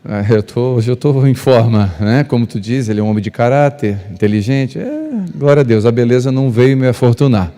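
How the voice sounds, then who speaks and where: Man, pastor, warm dark voice, lively storyteller, church hall reverb. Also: mid-range voice, a little fast, hardly any pauses. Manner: lively storyteller who acts out dialogue and jokes with the crowd; naturally loud speaker. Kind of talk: preaching to couples, telling stories.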